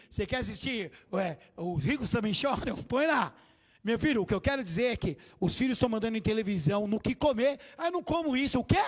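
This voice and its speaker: A middle-aged man with a Brazilian accent preaching a sermon in a church, jokey and scolding, bursting into shouts. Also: high voice. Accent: Brazilian Portuguese. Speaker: pastor. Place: church hall.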